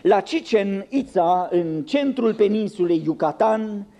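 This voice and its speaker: A man's voice: sits high, animated, mellow, highs cut off. A man preaching a sermon, dramatic and ironic, acting out the voices he quotes with big swings and speaking in asides to the congregation.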